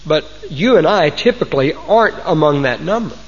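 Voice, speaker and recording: Sounding animated and a little high, with a breathy edge, this Texas preacher speaks fairly quickly as he delivers a folksy, homespun sermon to a congregation, fond of old sayings. The recording is muffled and reverberates in a large hall.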